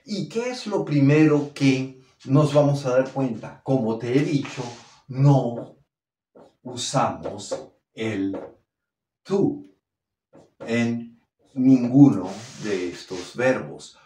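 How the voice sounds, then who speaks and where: A man teaching a language lesson, slowly modelling the pronunciation of example phrases. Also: medium pitch, warm tone, a little hiss or hum. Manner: slow, drawn-out model pronunciation of English phrases. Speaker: English teacher. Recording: echoey room.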